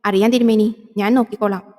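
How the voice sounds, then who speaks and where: A woman's voice: medium pitch, steady tone, fairly quick, mellow, in a large hall, natural voice. A woman voicing a loyal, anxious male assistant to a priest in a horror audio drama, speaking deferentially and eagerly.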